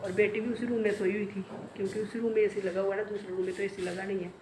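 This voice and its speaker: A woman's voice: medium pitch, little pitch movement, fast talker. A middle-aged woman vlogging from home, telling a long rambling story straight to her viewers and repeating herself as she goes. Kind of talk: casual chatty storytelling to viewers. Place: home, indoors. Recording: echoey room with clear background noise.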